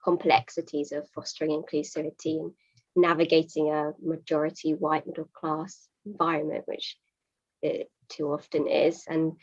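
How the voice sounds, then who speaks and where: A woman's voice: low-pitched, level tone, moderate pace, darkish tone. A woman moderating an online panel, polite as she thanks and introduces speakers. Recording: dull lo-fi video call audio.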